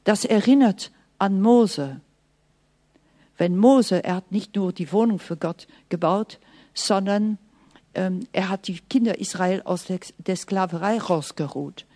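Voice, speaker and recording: A woman preaching a sermon in an earnest, emphatic way, sometimes dropping to soft, hushed asides and speaking straight to the listener. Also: mid-range voice, a little slow. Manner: speaks directly to the listener, often asking "Okay?".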